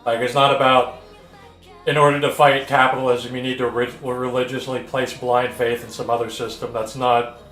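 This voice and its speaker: A man hosting a casual voice-call discussion, explaining his views in a measured way and often restarting his phrases. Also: medium pitch, little pitch movement, a bit bright, soft background music. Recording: roomy echo.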